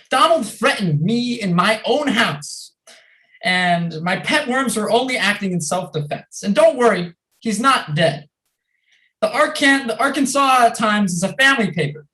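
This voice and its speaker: A woman's voice: medium pitch, fairly bright tone, rough recording. Woman doing pompous villain scientist guy, comic play, super theatrical, grand and a bit unhinged. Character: grandiose eccentric male failed chemist, villainous worm master. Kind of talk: comic stage-play acting.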